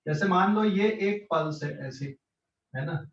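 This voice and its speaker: Male online physics tutor with a central Indian accent who keeps checking understanding; high voice, roomy and muffled sound. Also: a little slow. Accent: Hindi-English mixed speech, central Indian. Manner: explains step by step, checks often if students follow. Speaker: physics teacher. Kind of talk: online class lecture. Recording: echoey distant lo-fi online class.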